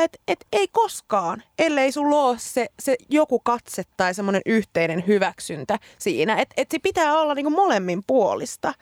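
A woman co-hosting a casual chat, animated and laughing often as she talks. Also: dry recording, clean studio sound. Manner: animated, laughs often, rising pitch when excited.

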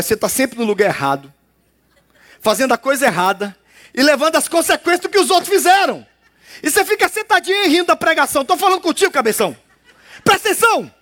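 A man's voice: very high voice, fairly bright tone. A man preaching a sermon as a pastor, with a playful, teasing, conversational way of talking.

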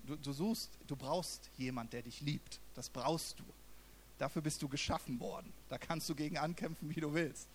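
A young male pastor preaches with lively storytelling, voicing the people in his story and swinging from quiet to loud. His voice sits a bit high for a man. A faint hum and hiss run under the recording. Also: moderate pace. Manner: animated storytelling, acting out quotes with big swings in loudness. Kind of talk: sermon.

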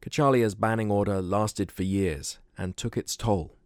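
A man narrating a scripted news report as a radio reporter, in a smooth, even delivery. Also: fairly low pitch, a little slow, dry recording, clean studio sound.

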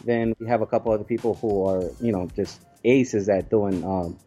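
An interview guest with a mellow, relaxed, lowish voice and a breathy edge explains things casually. He's a bit halting and builds up lists of examples, with soft music faintly underneath.

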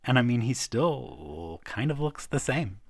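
A man's voice: medium pitch, sing-song, measured pace, gravelly, no room sound, studio quality. A man co-hosting a podcast in casual chat, talking hesitantly, trailing off and laughing often. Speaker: podcast co-host.

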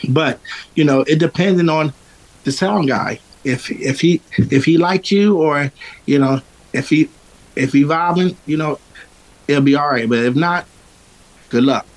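In a rough recording, a man from Philadelphia speaks a little slowly in a fairly high, strong voice. He is a singer who claims a powerful voice, and he meanders through a casual interview with many fillers and restarts.

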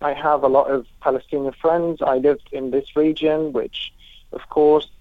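A man from Lebanon speaks about aid work over a tinny phone line with a slightly high voice. His answers come out halting, full of restarts and repeated words, and the sound is dry and close. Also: steady tone, creaky, no room sound. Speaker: humanitarian aid worker. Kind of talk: remote interview answers.

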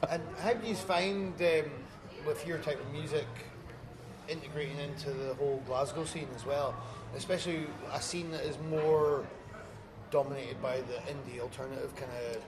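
A man's voice: fairly high pitch, normal speed. A man interviewing a band, asking friendly, casual questions. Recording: crowd noise behind.

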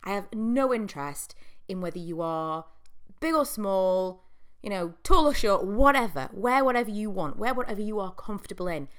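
A young woman hosts a solo podcast, chatting in a casual, reflective monologue full of ums and likes. Her medium-pitched voice is clear and resonant with lively intonation and a normal speed, though congested from a cold.

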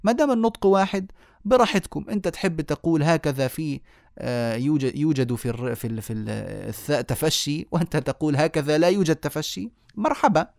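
A man's voice: fairly high pitch, quick pace, a little mellow, dry recording, studio quality. A man teaching a tajweed lecture online, explaining the rules of pronunciation step by step and sounding out the letters as he goes. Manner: explanatory, repeats key words, demonstrates sounds aloud. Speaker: Quran recitation teacher.

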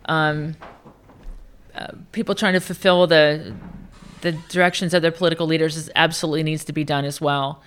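A woman's voice: sits low, level tone, brisk, a bit bright, smooth. A woman in her late fifties from Iowa, a senior military officer telling candid stories in an interview, often restarting her sentences. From Iowa, United States. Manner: candid, anecdotal, speaks in restarting bursts. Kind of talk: conversational interview.

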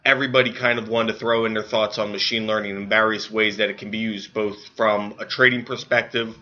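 A hungover man co-hosting a podcast, explaining things informally in a halting, hedging way full of fillers. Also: lowish voice, flat delivery, sharp tone. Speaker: podcast co-host and editor. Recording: dull lo-fi audio.

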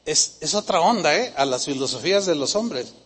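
A man's voice: a little high, expressive, normal speed, fairly bright tone, breathy edge. A man preaching a Sunday sermon, emphatic and repetitive, often asking the congregation questions. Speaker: pastor. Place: church hall. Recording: long hall reverb.

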